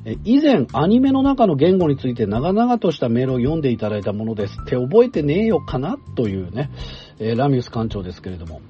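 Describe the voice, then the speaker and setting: A man's voice: mid-range voice, fast. A man hosting a radio talk show, reading listener mail aloud in a chatty manner with casual asides. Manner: chatty and animated, with asides and laughs. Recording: dull broadcast sound, faint music behind.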